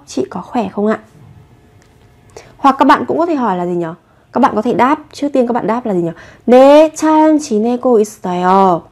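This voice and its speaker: Higher-voiced woman teaching Korean. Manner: asks rhetorical questions, models Korean phrases slowly. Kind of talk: explaining Korean phrases in Vietnamese.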